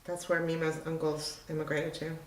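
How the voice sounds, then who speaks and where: A middle-aged woman with a slightly low voice chats casually about her restaurant, rambling along with plenty of ums and you knows. The room around her is echoey. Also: level tone, normal speed, a little hiss or hum. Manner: chatty, rambling, lots of fillers. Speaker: restaurant owner. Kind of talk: casual interview conversation.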